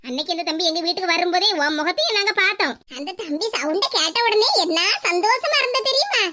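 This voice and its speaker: Woman voicing gentle motherly village auntie. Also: very high-pitched, expressive, fast talker, pitched below the performer's own voice, exaggerated voice. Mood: knowing. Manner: soft, coaxing, motherly. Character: kindly middle-aged village woman, elder sister figure. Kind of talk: cartoon voice acting.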